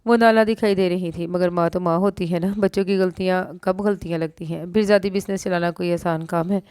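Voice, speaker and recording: A woman with a Pakistani Urdu accent reading a romance novel aloud, voicing every character herself and lifting her pitch for the dialogue. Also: steady tone, a little fast, darkish tone, clear, resonant tone, no room sound, studio quality. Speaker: novel narrator. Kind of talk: audiobook narration of a romance novel.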